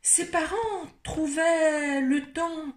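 A woman storyteller at a library, reading a picture book aloud with expressive, lively delivery. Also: high-pitched, extremely slow, echoey room, noisy background.

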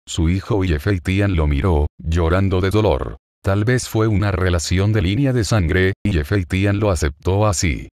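Male narrator for a serialized web novel. Low, dry voice with a steady, machine-like read. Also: moderate pace, hardly any pauses, dry recording. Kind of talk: scripted narration.

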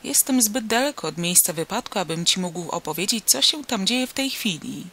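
An excitable male bystander from an old storybook shouts every scrap of rumour he hears, high and loud, repeating himself for emphasis, as a woman reading the tale puts him on. His voice is bright and edged with a gravelly rasp. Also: moderate pace, full character voice. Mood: excited shouting.

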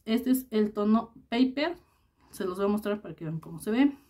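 A woman's voice: mid-range voice, dark tone. A young adult woman talking to her viewers in a casual beauty review vlog, chatty and full of fillers and diminutives. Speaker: beauty vlogger.

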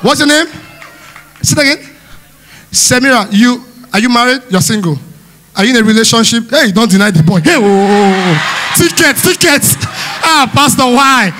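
A man from Delta State with a Nigerian Pidgin accent, doing loud, playful live stand-up at a church event. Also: very high-pitched, expressive, normal speed, faint music behind. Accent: Nigerian Pidgin English. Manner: loud, playful, teasing the crowd, often shouting and laughing. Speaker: stand-up comedian. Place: church hall stage.

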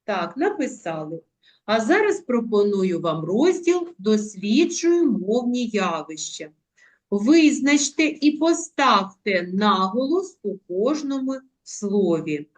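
A woman teaching young children in an online class, coaxing them with diminutives and drawing out words slowly for them to repeat. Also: mid-range voice, big pitch swings. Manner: affectionate, coaxing, uses diminutives; slow, drawn-out word modelling. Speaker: primary school teacher. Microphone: video call.

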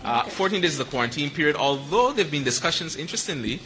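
A man answering questions at a press conference about quarantine and screening, explaining with quick asides. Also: a little high, animated, bright, forceful tone, rough recording. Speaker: medical school panelist.

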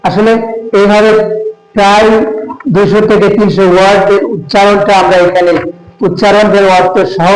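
A man from Bangladesh, the author of an English grammar book, explaining its contents in a halting way and mixing English words into his sentences. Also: high voice. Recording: echoey room.

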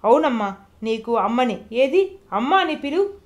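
An affectionate young mother coaxes a little girl to call her mum, in an audio novel, as a woman narrator voices her. The voice sits fairly high. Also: big pitch swings, measured pace.

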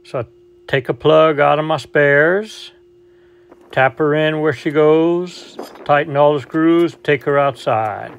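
Folksy mechanic, slightly high voice. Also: male voice, takes it slowly, vocal fry, poor audio. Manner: folksy, matter-of-fact, calls the motor "her". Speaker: vintage outboard motor mechanic. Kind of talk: casual repair vlog narration. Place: workshop and outdoors by the water.

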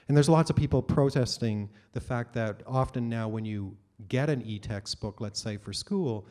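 A middle-aged man delivers a keynote from a large auditorium stage, speaking into a handheld microphone. His voice sits at an ordinary mid-range pitch, and he explains his points in a measured, steady way, with the odd "um" and "uh". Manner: measured, explanatory, with occasional fillers. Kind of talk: conference keynote talk.

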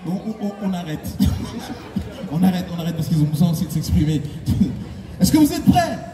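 A playful, high-voiced singer hosting a convention concert hypes the crowd at normal speed with big pitch swings, teasing and laughing often. He stands on a large indoor hall stage with a handheld mic, heard through an echoey PA from far back. The audience recording carries background noise and loud cheering.

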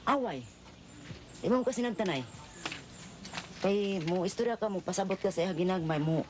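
A woman from the Philippines, a co-op member, talking at length in a documentary interview, rambling and halting, with many fillers. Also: medium pitch, background noise.

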